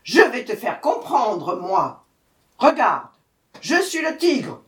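A woman voicing a fierce, impatient male tiger in a storybook tale, loud, growling and bossy. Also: mid-range voice, big pitch swings, slow. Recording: echoey room, voice from far off.

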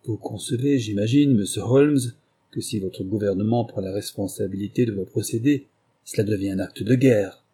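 A man reading aloud, voicing a furious captured male German spy, speaking slowly and bitterly. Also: warm tone, husky. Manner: slow, low, deliberate and bitter.

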